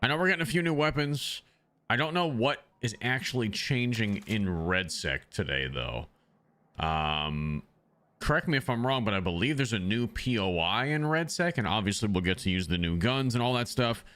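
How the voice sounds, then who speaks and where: Into a desk microphone, a man with a lowish, slightly bright voice chats casually on his livestream, expressive and at a moderate pace. He rambles with plenty of ums to his viewers and keeps hiccuping.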